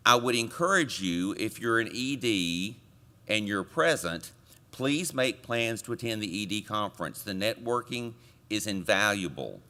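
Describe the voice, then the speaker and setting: A man chairing a committee, delivering a conference report from a podium microphone with relaxed joking asides to the audience. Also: fairly low pitch, unhurried. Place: conference meeting room.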